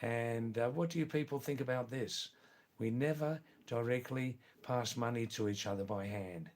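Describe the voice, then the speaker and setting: With a slightly mellow, mid-range voice at a moderate pace, this older Anglo-Indian-accented man hosts a live stream. He responds to viewers' comments chattily, often restarting and filling pauses.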